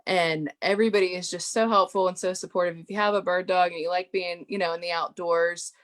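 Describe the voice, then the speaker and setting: A woman's voice: lowish voice, steady tone, brisk. A woman guest on an interview show, telling stories in a chatty way with many "you know" fillers. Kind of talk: casual podcast interview.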